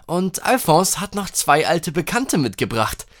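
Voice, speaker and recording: A man's voice: fairly high pitch, sing-song, measured pace. A man playing Luke, a curious grandson in an audio drama, eagerly firing off questions.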